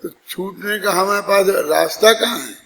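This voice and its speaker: A man's voice: sits high, normal speed, a bit bright, long reverb tail, rough recording. A man giving a scripture discourse, explaining step by step and putting rhetorical questions to his listeners. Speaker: Jain scripture teacher.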